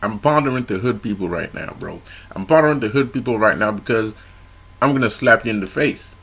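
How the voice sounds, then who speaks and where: A man rambling casually to his viewers in slangy, profane, halting phrases, his speech slightly impeded by the grills on his teeth. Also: on the low side, a bit bright, husky. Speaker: online channel host, spiritual and business consultant.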